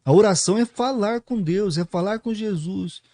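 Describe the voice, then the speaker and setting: A man's voice: high voice, moderate pace, mellow, no echo, studio quality. A male pastor preaching a sermon, explaining a Bible passage verse by verse and tagging his points with "né?" and rhetorical questions.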